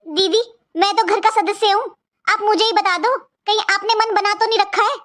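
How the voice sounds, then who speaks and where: Casting: a woman as a taunting cartoon sister-in-law, very high and shrill, sharp-tongued. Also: steady tone, normal speed. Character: scheming bossy young sister-in-law. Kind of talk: cartoon voice acting.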